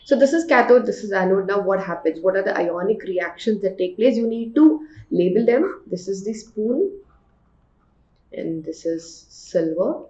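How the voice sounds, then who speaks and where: A woman's voice: medium pitch, animated, normal speed, mellow. A woman with an Indian accent teaching an exam revision lesson, explaining by asking questions and answering them herself. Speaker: chemistry teacher. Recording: echoey room, slightly dull sound.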